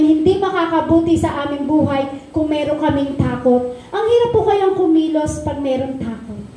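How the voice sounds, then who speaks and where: A woman's voice: sits high, warm tone. A woman pastor, preaching an impassioned sermon that slips into sung lines. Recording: very echoey room with faint noise.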